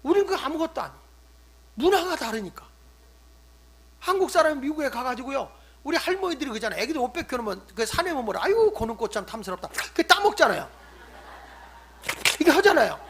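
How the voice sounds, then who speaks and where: An older man, a pastor, preaching a sermon, swinging between loud emphatic stresses and hushed asides. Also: extremely high pitch, very animated, brisk, long pauses. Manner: acts out scolding quotes in conversational tone.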